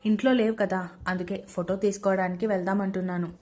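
A woman's voice: medium pitch, steady tone, fast talker, mellow, natural voice. A woman voicing a young husband who pleads and reasons between his wife and his mother. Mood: pleading.

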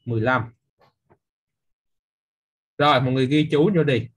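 A man's voice: medium pitch, steady tone, moderate pace, slightly rough. A young man, teaching physics in a live online class, quizzing students by name and teasing them.

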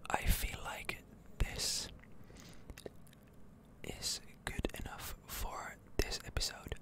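A video game streamer and channel host speaks in a breathy, unvoiced whisper, giving soothing ASMR commentary with drawn-out words.

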